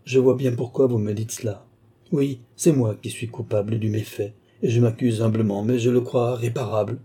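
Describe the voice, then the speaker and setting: A man reading the part of an eager, ardent young peasant with earnest, excited pleading. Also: mid-range voice, normal speed, slightly rough. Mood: humble.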